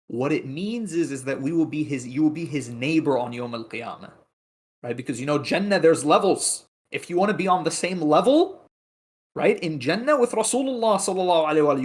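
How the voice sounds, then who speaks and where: Guy lecturing on religious history, tells stories with lots of feeling, voice sits a bit high. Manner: animated storytelling, acting out quoted lines.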